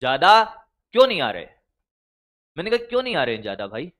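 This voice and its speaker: A man's voice: fairly high pitch, huge pitch swings, fast, fairly bright tone. A male teacher giving blunt, scolding study advice to exam students, calling them brother and son. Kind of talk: motivational study advice lecture.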